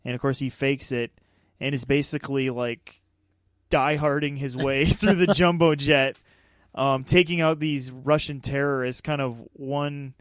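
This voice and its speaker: Smooth-voiced man in casual movie chat. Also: medium pitch, unhurried, dry recording. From Dakotas, United States. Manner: animated, laughs often. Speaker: podcast co-host.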